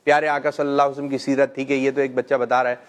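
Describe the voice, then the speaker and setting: A middle-aged man hosting a children's call-in show, gently quizzing kids and praising them often. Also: mid-range voice, flat delivery. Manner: gentle, coaxing questions, frequent "mashallah".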